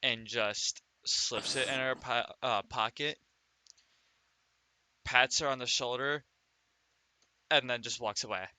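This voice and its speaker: Slow-talking, bright-voiced game master. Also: male voice, medium pitch, smooth. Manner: relaxed, loose narration with fillers. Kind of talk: narrating a tabletop game.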